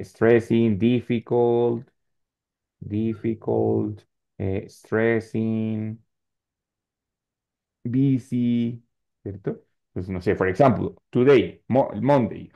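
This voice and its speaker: A man's voice: mid-range voice, gravelly, dull audio. A man teaching an English class online in Spanish, patient and encouraging as he explains and corrects students.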